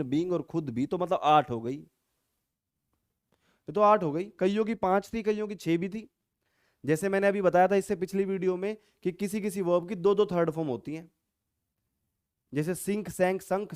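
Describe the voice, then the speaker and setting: A man's voice: sits high, darkish tone, dry recording, clean studio sound. A man teaching an English grammar lesson step by step, asking the viewer rhetorical questions and acting out insistent replies to show emphasis. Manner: acts out emphatic retorts in an insistent tone. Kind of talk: classroom-style grammar lesson.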